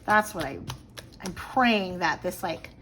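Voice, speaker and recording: A woman's voice: fairly low pitch, animated, slow, sharp tone, slight background noise. A woman in her thirties, chatting casually to camera at home while planning, with a slight frog in her throat and lots of fillers. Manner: chatty, rambling with many fillers. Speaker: planner vlogger.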